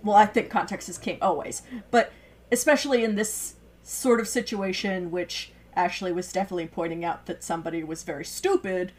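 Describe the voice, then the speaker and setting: A woman hosting a podcast discussion, measured, posing questions to her co-hosts. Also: lowish voice, a little mellow. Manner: measured, poses questions to the others. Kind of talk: casual discussion.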